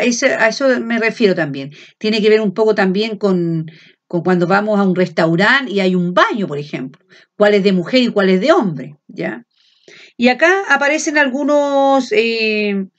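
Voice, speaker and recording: A woman with a Chilean accent teaching a language class, often checking in with her students and filling pauses as she explains. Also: mid-range voice, muffled recording. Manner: frequent checks of "¿ya?" and fillers; speaks loud without shouting. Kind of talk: classroom lecture.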